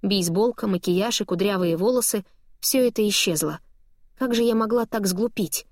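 A woman reading a novel aloud as a first-person audiobook narrator, lively and expressive. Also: mid-range voice, normal speed, dry recording, clean studio sound.

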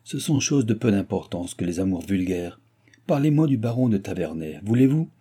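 A man's voice: fairly low pitch, animated, moderate pace, mellow, breathy edge. A man reading the part of a commanding male mesmerist who questions a young woman in trance, insistent and curt.

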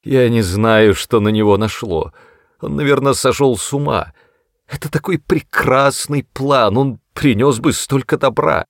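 A man's voice: medium pitch, very slow, hardly any pauses, darkish tone, dry recording, clean studio sound, pitched above the performer's own voice. A man reading an audiobook, voicing a stammering middle-aged man who begs desperately and later turns spiteful. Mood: pleading. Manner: stammering, pleading, then hissing with spite. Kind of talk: audiobook character voice.

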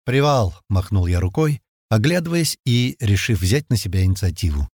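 A man's voice: on the low side, very animated, brisk, darkish tone, breathy edge, no echo, clean studio sound. A man narrating a first-person audiobook in a casual, slangy manner.

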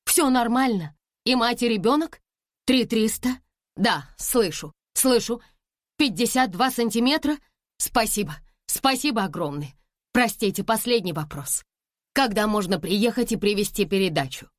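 A woman's voice: low voice, very animated, a little slow, vocal fry, long pauses, mellow, no room sound, studio quality, full character voice. A woman reading the part of a tired middle-aged woman with a wry, weary way of talking, in an audiobook. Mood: excited. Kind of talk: audiobook dialogue.

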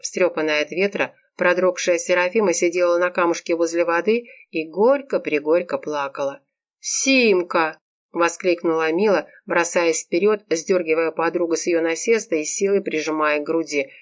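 A woman reading an audiobook, narrating a comic romance in a lively, expressive way. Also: lowish voice, normal speed, few pauses. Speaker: audiobook reader. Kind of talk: scripted narration.

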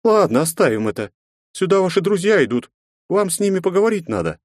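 A man voicing a flustered village mother who scolds loudly and exasperatedly. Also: high voice, sing-song, fast, no room sound, studio quality, pitched above the performer's own voice. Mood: brisk.

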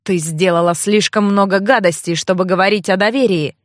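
Brief: woman doing a cold, growling young nobleman for an audiobook, lowered voice, close and dry. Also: fairly quick, no echo, natural voice. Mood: cold, accusing. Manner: low, clipped, growling. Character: brooding angry young nobleman. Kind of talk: audiobook character voice.

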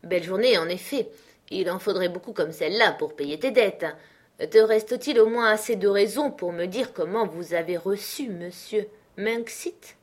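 A woman reader voicing a loud, shrewish older woman who scolds her brother with heavy sarcasm. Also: medium pitch, normal speed, natural voice. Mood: scolding, shrill.

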